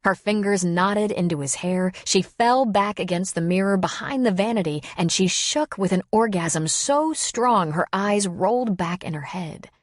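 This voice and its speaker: A woman narrating an audiobook in a brisk, even reading. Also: mid-range voice, no room sound, clean studio sound. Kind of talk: scripted narration.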